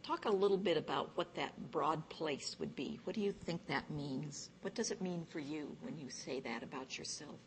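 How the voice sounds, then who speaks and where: Low-voiced woman teaching a Bible class. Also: a little hiss or hum. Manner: reads scripture slowly, asks the class questions. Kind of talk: teaching a Bible class, reading scripture aloud. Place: church classroom.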